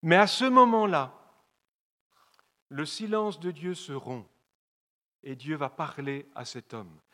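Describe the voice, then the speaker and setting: Swiss french guy preaching, fervent and repetitive, slightly high voice, long echo in a church hall. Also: animated, takes it slowly. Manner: fervent, repetitive, swinging from loud calls to soft low asides. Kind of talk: evangelistic sermon.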